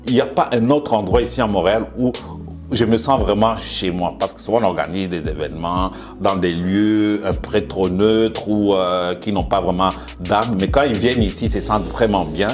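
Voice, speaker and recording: Hesitant lower-voiced man in his fifties. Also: music in the background. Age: 50s. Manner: hesitant, halting with many pauses and repeated words. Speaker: museum director. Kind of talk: conversational interview. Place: museum in Montreal.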